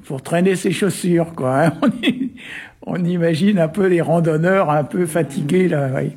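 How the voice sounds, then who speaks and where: A man from Brittany explaining word meanings in a relaxed, hesitant way, full of little fillers and chuckles. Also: fairly high pitch, normal speed, slightly rough. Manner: hesitant, many "euh" and "hein" fillers, chuckles often. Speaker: Breton language expert on a radio show. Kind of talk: casual explanatory chat.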